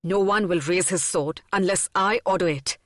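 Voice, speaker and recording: A woman's voice: on the low side, moderate pace, no room sound, studio quality, lightly acted. A woman reading the part of a stern young male prince in an audiobook, giving cold, clipped orders. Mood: commanding.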